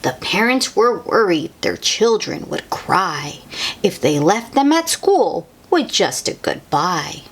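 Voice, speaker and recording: A woman reading a picture book aloud to young children in an expressive, sing-song way, with chatty asides to the listeners. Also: on the low side, takes it slowly, breathy edge. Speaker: children's read-aloud host.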